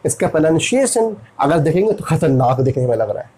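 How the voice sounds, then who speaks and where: Animated Indian man teaching pronunciation. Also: fairly high pitch, brisk, husky, rough recording. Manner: animated, asks and answers his own questions. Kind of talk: explaining lesson.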